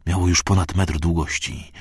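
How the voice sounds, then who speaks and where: A male narrator reads a dark fantasy audiobook at a steady, measured pace. His voice is very low and husky. The recording is close and dry. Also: dry recording.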